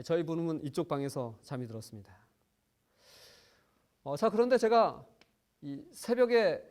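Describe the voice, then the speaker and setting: A man's voice: fairly high pitch, a little mellow. A man preaching a sermon, telling a personal story earnestly, with frequent small fillers and phrases that swell for emphasis.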